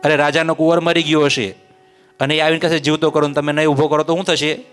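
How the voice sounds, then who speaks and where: A man's voice: on the high side, little pitch movement, quick pace, fairly bright tone, smooth, soft background music, natural voice. A man voicing a revered male spiritual master who firmly scolds a disciple. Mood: admonishing.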